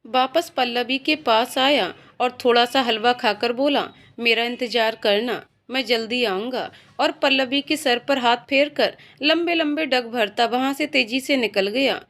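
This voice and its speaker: High-voiced woman narrating a story. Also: unhurried, creaky, hardly any pauses, a bit bright. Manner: reads all characters in her own voice.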